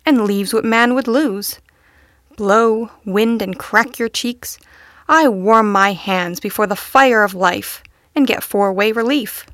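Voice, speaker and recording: A woman's voice: medium pitch, slow pace, a bit bright, no room sound. Giddy male butterfly, playful, sing-song, rambling, dry recording, woman reading. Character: giddy dandy male butterfly, quoting nonsense.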